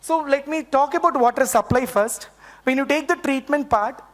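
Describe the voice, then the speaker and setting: A woman's voice: high voice, normal speed, big-room sound. A young woman with an Indian accent presents at a conference, her voice affected by a sore, swollen throat. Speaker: PhD researcher presenting a paper.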